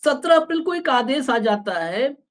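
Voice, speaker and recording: A man hosting a political discussion, making his counterpoints in a measured way. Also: extremely high pitch, big pitch swings. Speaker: host.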